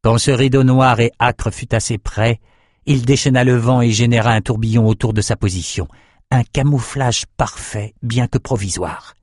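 A man reading fantasy narration for an audiobook in a steady, measured way. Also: mid-range voice, no echo, clean studio sound.

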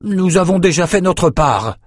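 A man's voice: high-pitched, expressive, unhurried, no echo, voice pushed up. A man putting on a sulky young lout in a storybook reading, grumbling and defensive, his voice raised well above his own, recorded close and dry.

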